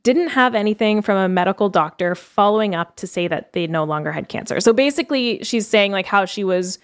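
A woman's voice: medium pitch, animated, brisk, smooth. A woman co-hosting a podcast, telling a case story in a chatty, casual way with lots of fillers. She is from Canada. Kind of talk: casual chat.

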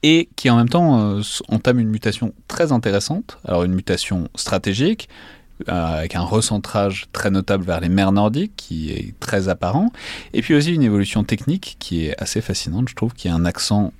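A man's voice: fairly low pitch, lively intonation, brisk, darkish tone, no echo. A man hosting an interview podcast, who casually sums up points and hands over questions to guests. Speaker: podcast host. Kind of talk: conversational interviewing.

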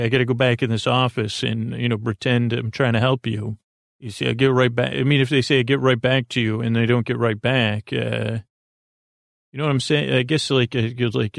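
A man with a creaky, mid-range voice hosts a sleep podcast, meandering haltingly through a rambling bedtime monologue to help listeners sleep and trailing off mid-thought. The audio is studio quality with no room sound.

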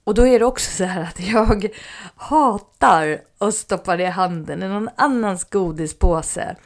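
A woman telling a personal anecdote in casual speech, animated, acting out what people said and sometimes dropping to a near-whisper. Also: mid-range voice. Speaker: mother telling a personal story.

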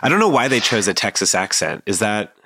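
A man's voice: fairly low pitch, big pitch swings, fairly quick, sharp tone, slightly rough, no echo, studio quality. A man in his thirties hosting a casual podcast, rambling with plenty of fillers and restarts. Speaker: podcast host.

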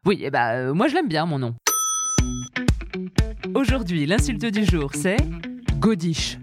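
A woman hosting a comic monologue about the origins of insults, talking in a lively, playful, self-mocking way. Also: lowish voice, measured pace, over loud music. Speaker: host.

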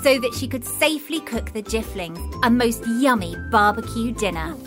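A woman's voice: fairly high pitch, animated, moderate pace, music in the background. A woman hosting a children's story podcast, narrating a scripted tale as storyteller.

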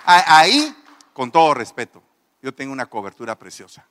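A man's voice: mid-range voice, quick pace, big-room sound, a little hiss or hum. A man, a pastor, giving a testimony sermon, telling the story with animation and acting out the people in it.

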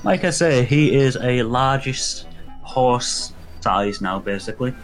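A man's voice: medium pitch, animated, takes it slowly, soft background music. A man improvising narration as game master of a tabletop role-playing game.

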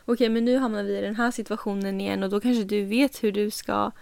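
Flat-voiced young woman with vocal fry. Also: medium pitch, no room sound. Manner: reflective, supportive listener, many fillers. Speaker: podcast co-host. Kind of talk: casual chat.

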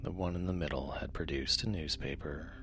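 A man narrating sleep stories in a soft, soothing, hushed manner that often trails into a near-whisper, close to the microphone. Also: fairly even intonation, brisk. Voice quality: soft, low, gravelly. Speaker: host and narrator of a sleep story podcast. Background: music.

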